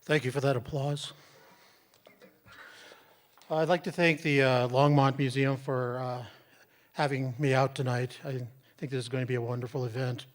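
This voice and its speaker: A poet from New Mexico thanks the museum and begins his reading, speaking hesitantly with pauses and fillers. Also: mid-range voice, little pitch movement. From Mescalero, New Mexico. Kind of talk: live reading introduction.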